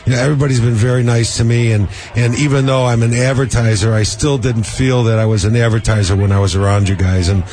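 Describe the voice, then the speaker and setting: A man's voice: medium pitch, fairly even intonation, fast talker, hardly any pauses, a little mellow. A man with a Chicago accent, an earnest attorney guest chatting casually on a radio show.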